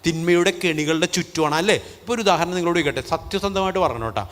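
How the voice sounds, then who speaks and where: Fervent male priest, high and bright, preaching with questions to the flock, long church reverb. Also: racing. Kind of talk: sermon.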